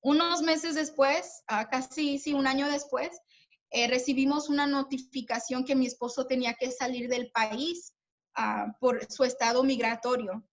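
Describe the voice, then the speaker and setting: A woman's voice: high voice, steady tone, moderate pace, highs cut off. A woman speaking as guest at a women's church meeting, giving an earnest personal testimony, with many fillers and restarts, speaking to her listeners as sisters. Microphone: video call.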